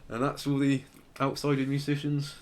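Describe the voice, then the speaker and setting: Over a slight hiss or hum, a man co-hosting a podcast casually explains a musician's story in a monotone, medium-pitched voice at normal speed. His explanations are hesitant, and he often doubles back to rephrase.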